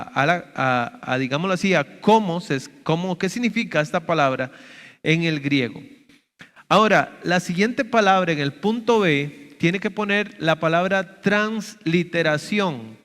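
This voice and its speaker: A man's voice: fairly high pitch, fairly bright tone, long reverb tail. A male pastor teaching a sermon, explaining step by step and often checking with "¿verdad?". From Costa Rica. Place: church sanctuary.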